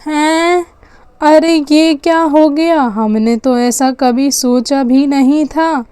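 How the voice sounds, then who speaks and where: A woman voicing a stern middle-aged father in a doll story, with a slow, commanding manner. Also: sits high, dark tone, no echo.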